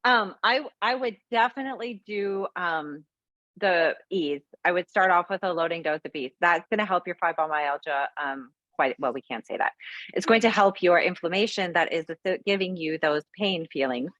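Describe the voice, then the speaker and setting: Woman, chatty, frank, lower voice, dry muffled audio. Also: normal speed, fairly bright tone, no room sound. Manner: chatty, frank, full of fillers. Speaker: product presenter. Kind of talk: casual sales talk.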